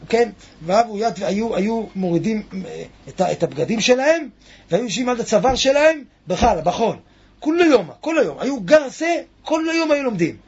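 A man teaching a Talmud lesson, reading Aramaic lines and explaining them with animated rhetorical questions to his class. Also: sits high, vocal fry, breathy edge. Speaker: Torah teacher. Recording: dull lo-fi recording.

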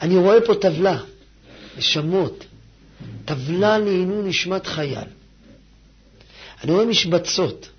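A man giving a fiery sermon as a rabbi, swinging between hushed pleading and loud exhortation. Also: high-pitched, animated, long pauses, lo-fi sound, slight background noise.

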